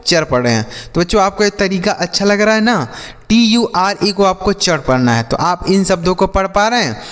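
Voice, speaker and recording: Guy teacher with a high voice walking kids through spelling, asks then answers himself, long echo. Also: lively intonation, a bit bright. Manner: spells letters slowly, then asks and answers his own questions. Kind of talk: spelling and reading lesson for children.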